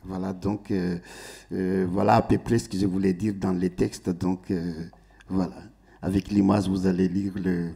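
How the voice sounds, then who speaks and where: A man's voice: low voice, little pitch movement, measured pace, creaky, warm tone. A man with a non-native French accent addresses a festival audience from the stage, searching for words with many restarts. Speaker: performing musician.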